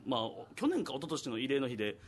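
A man hosting a casual comedy radio talk show, firing off quick teasing retorts and laughing often. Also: mid-range voice, huge pitch swings, slight background noise.

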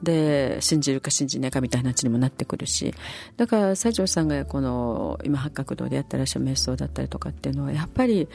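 A woman hosting a casual conversation, chatty and full of fillers, her pitch leaping when she gets animated. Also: fast, gravelly. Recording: faint music behind.

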